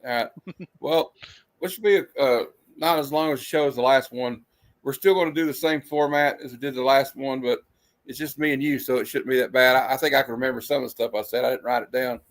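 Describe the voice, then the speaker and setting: A man's voice: medium pitch, steady tone, quick pace. A man hosting a horror movie show in a casual horror-host manner, chatting loosely as on a livestream.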